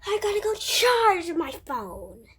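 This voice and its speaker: A high-voiced woman narrates her gameplay casually and excitably. Her pitch swings widely and she takes her time between phrases, often exclaiming or muttering to herself. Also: slow pace, slight background noise.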